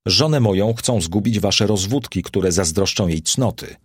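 A man's voice: lowish voice, moderate pace, slightly rough, dry recording, clean studio sound. A man reading the part of a scornful, indignant Roman nobleman.

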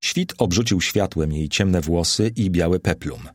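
A man narrating a classic novel as an audiobook, measured and solemn. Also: deep voice, no echo, clean studio sound.

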